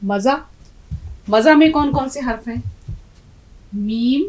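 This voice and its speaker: A woman's voice: on the high side, darkish tone, low-quality recording. A middle-aged woman teaching a language lesson, patiently explaining letters and quizzing her students. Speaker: Urdu teacher.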